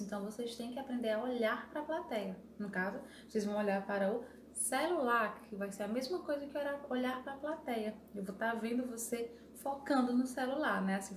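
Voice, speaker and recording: A woman's voice: fairly high pitch, echoey room, slight background noise. A young adult woman teacher with a Brazilian Portuguese accent, giving a remote lesson to young children and explaining step by step in an encouraging way with many tag questions.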